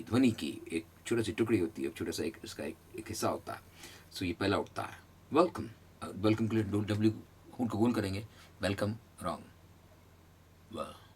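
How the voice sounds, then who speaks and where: A man's voice: fairly low pitch, husky. A man with an Indian accent teaching spoken English to a class, repeating words for them to chant along. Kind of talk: classroom pronunciation drill.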